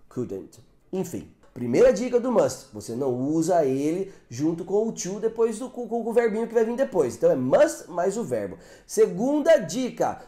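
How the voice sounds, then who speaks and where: Lively Brazilian male English teacher. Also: high-pitched. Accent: Brazilian Portuguese. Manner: explanatory, often checks in with "tá?". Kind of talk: online English grammar lesson. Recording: echoey room.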